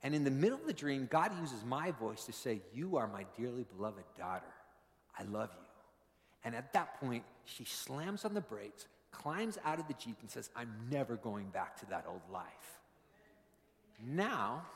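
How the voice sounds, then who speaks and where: A male pastor telling stories from the pulpit and climbing into fervent, energetic preaching. His voice sits at a middle pitch and rings out with a long reverb in a large church sanctuary. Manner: animated, builds to fervent preaching. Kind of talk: sermon with storytelling.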